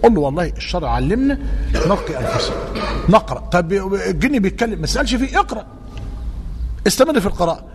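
A man's voice: sits high, very animated, quick pace, pauses often. A man with an Egyptian Arabic accent teaching a religious lesson and answering questions, emphatic and repeating key points. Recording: reverberant hall, faint noise.

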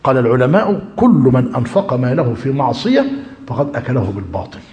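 A man's voice: medium pitch, very animated, fast, darkish tone, big-room sound, lo-fi sound. A man with an Egyptian accent teaching a religious lesson, switching between formal classical phrasing and colloquial talk and checking in with his listeners. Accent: Egyptian Arabic.

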